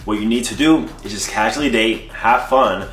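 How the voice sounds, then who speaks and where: A man's voice: on the low side, normal speed, fairly bright tone, echoey room, faint music behind. A man giving direct, instructive dating advice.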